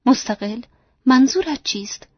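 A woman voicing a brooding, yearning blind middle-aged gentleman, earnest and pleading, in a dry, dull lo-fi recording. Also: high-pitched, lively intonation, slightly rough, dry recording, pitched above the performer's own voice. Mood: disbelieving.

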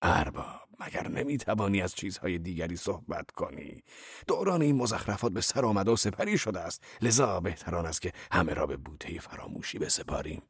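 A man voicing a fiery, blunt old male laborer in an audiobook reading, with a gravelly voice and loud, scornful outbursts. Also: deep voice, big pitch swings, no echo, studio quality, full character voice. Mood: gruff.

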